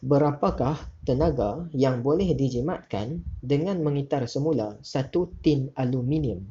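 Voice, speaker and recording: A male teacher, giving a recorded lesson to pupils and reading out questions slowly and deliberately between relaxed asides. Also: medium pitch, a little hiss or hum. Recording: dull lo-fi recording.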